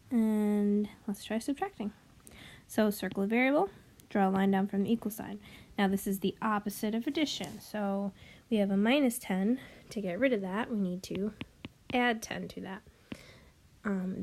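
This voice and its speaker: A woman's voice: medium pitch, moderate pace, a little mellow. A woman teaching a math lesson, walking through each step patiently with frequent ums, a bit out of breath. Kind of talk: recorded classroom lesson.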